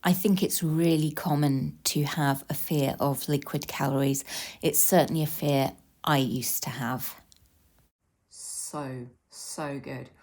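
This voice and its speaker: A British woman with a notably low voice speaks in a casual eat-with-me vlog. She is conversational and candid, reflecting as she chats over a drink. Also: fairly even intonation, a little slow, a little mellow. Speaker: vlogger sharing eating disorder recovery support.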